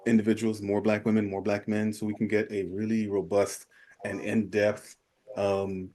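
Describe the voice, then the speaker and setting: A man hosting a conversational podcast, speaking haltingly and often repeating words as he searches for phrasing. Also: lowish voice, flat delivery, warm tone. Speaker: podcast host. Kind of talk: casual conversational interview.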